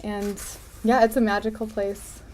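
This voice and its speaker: A woman who teaches English as a second language at a high school, speaking cheerfully with fillers at a news conference. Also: level tone, measured pace, a crowd in the background. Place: city hall news conference room.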